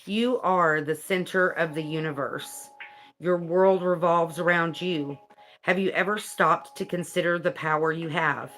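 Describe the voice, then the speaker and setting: Slow, low-voiced woman reading angel cards. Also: fairly even intonation, fairly bright tone, soft background music. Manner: slow, thoughtful, second-guessing herself. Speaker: spiritual card reader. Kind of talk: casual card reading and reading aloud.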